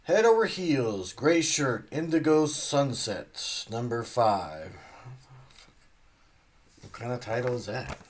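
A man's voice: medium pitch, lively intonation, takes it slowly, long pauses, slight background noise. A man casually unboxing comics, rambling, trailing off and swearing offhandedly. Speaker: comic unboxing channel host.

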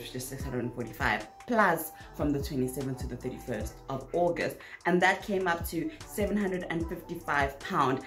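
This young woman with a South African accent and a bass voice hosts a relaxed Q&A vlog in a small, echoey bedroom, filmed by a laptop camera at desk distance. Her talk is animated and peppered with "like" and sudden laughs.

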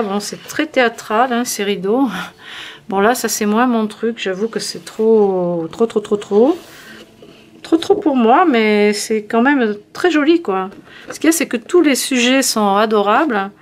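Chatty woman reviewing craft papers. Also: on the high side. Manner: chatty, hesitant, many fillers and restarts. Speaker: scrapbooking channel host. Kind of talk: casual product review.

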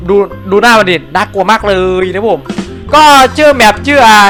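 Excitable swearing young gaming host. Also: male voice, high voice, moderate pace, faint music behind. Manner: excitable, swears a lot, jokey boasting. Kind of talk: casual let's-play commentary.

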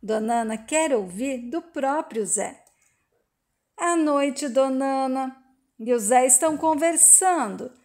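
A woman narrates a telenovela recap in a plain storytelling way. Her voice sits high, and she keeps introducing each quote with a simple tag. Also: animated, takes it slowly, darkish tone. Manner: plain storytelling with "e diz" tags. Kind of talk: reading a telenovela recap aloud.

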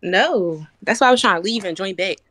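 A woman in her twenties chatting on a video call in quick slang, as the contestant choosing a date. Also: mid-range voice, fairly bright tone. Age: 20s. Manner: quick slangy replies, apologetic. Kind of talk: casual chat on a video call.

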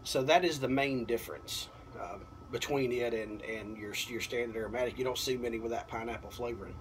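A man in his thirties talks through a casual review at a mid-range pitch. He is unhurried and halting, working out his thoughts as he speaks. Faint outdoor ambient noise sits behind him, picked up by a computer mic on a balcony. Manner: halting, unhurried, thinking aloud. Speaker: pipe tobacco reviewer. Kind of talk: casual product review to camera. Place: apartment balcony at night. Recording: clearly noisy, outdoor ambience.

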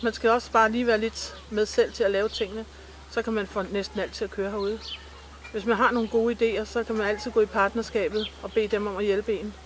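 A woman's voice: medium pitch, a little hiss or hum. A middle-aged woman, a local resident, talking enthusiastically outdoors in a vox pop interview and listing many things. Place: outdoors among trees.

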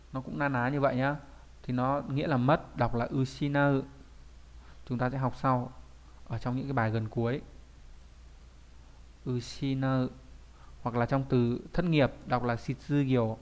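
At a moderate pace and with a steady tone, a man with a medium-pitched voice gives a recorded online kanji lesson. He keeps it loose and chatty, regularly tossing in rhetorical and tag questions.

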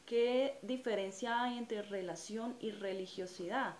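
A Colombian woman in her thirties hosts a channel and gives a personal religious testimony to camera from a small indoor room in front of a curtain. Her medium-pitched, darkish voice is unhurried, earnest and reflective, hesitant with frequent "eh" fillers. A camera or phone picks her up at close range, and the room is echoey with faint ambient noise.

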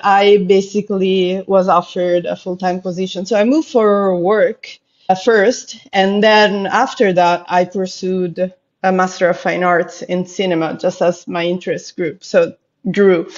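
In a relaxed interview, an Italian potter with an Italian accent shares her story in a mid-range voice, reflective and now and then searching for words. She is indoors among bookshelves, connected by video call with headphones. The recording has slightly dull, lo-fi call quality.

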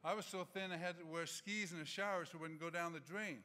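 Bright-voiced man telling stories on stage. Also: on the high side, fast talker, a little hiss or hum. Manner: animated, gesturing, humorous anecdotes. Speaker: award honoree giving acceptance speech. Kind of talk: storytelling acceptance speech. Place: large auditorium stage. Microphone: podium microphone.

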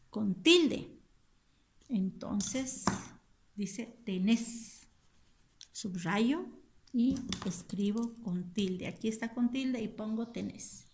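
A woman teacher, giving a recorded lesson to children and slowly repeating and spelling out each word. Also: a little high, slight background noise. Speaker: school teacher.

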